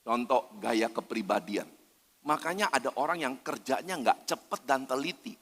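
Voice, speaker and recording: A man's voice: medium pitch, lively intonation, normal speed, fairly bright tone. A male pastor, preaching emphatically and constantly calling on his listeners as brothers and sisters. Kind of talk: sermon. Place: church hall. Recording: long church hall reverb.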